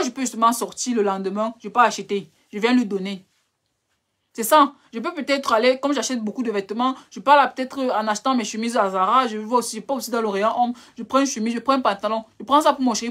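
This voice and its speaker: A young woman hosting a live relationship advice stream, answering viewer questions in a direct, scolding way. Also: a little high. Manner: direct, scolding, addresses viewers as brother and darling.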